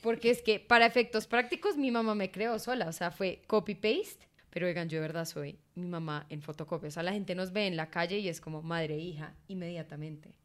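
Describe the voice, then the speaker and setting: A young woman with a fairly low voice co-hosts a casual podcast chat. She talks loudly and bluntly and swears freely. Her delivery is brash and unfiltered. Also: a little fast, hardly any pauses. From Miami, USA. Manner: loud, brash and foul-mouthed. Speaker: co-host.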